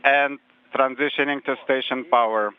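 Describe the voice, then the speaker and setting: A man's voice: mid-range voice, fairly even intonation, moderate pace. Give me a man's clipped voice over a tinny spacecraft radio loop, narrow and phone-like, calling short procedure steps. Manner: clipped, matter-of-fact. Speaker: interpreter on the mission radio loop. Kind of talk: terse radio procedure calls.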